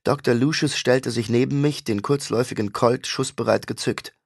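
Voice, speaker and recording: Brief: a male audiobook narrator, gravelly and husky, steady first-person storytelling, dry and close. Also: mid-range voice, normal speed, no echo.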